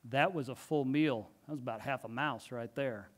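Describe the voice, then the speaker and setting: A man's voice: mid-range voice, normal speed. A middle-aged man preaching a sermon in a church, telling stories in an earnest, emphatic way. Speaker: pastor. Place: church sanctuary.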